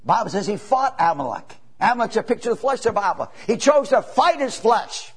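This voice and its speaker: A traveling evangelist in his seventies preaches a sermon in a high, husky, very animated voice. He's folksy and repetitive, scattering "you know" and "amen" throughout, with drawn-out pauses and rising emphatic bursts.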